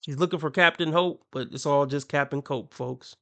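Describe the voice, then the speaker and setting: A man's voice: fairly high pitch, normal speed, gravelly, fairly bright tone. A man hosting a reaction commentary, talking with a mocking tone, often laughing and putting on voices to quote people. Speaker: commentary channel host.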